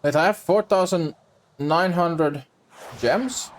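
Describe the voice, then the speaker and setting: Speaking slowly in a slightly high voice, a young man with a Finnish accent and Swedish as his native tongue chats casually during a gaming stream. His talk is rambling and unsure, full of restarts and laughter.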